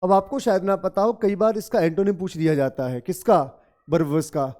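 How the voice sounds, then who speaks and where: A man's voice: high-pitched, moderate pace, warm tone. A middle-aged man with a Hindi accent teaching an English vocabulary lesson. He calls his students children and repeats key words several times. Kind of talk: classroom lesson explaining vocabulary.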